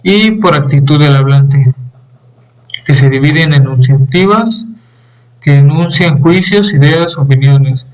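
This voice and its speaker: Young male student, slightly higher voice, halting class presentation with fillers. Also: a little mellow, low-quality recording. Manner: halting, with fillers and throat clearing.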